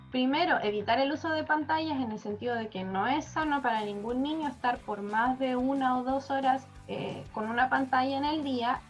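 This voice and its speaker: A woman with a Chilean accent, a speech therapist giving parenting advice, checking in with her listeners as she explains. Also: high-pitched. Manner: checks in with a frequent "¿ya?".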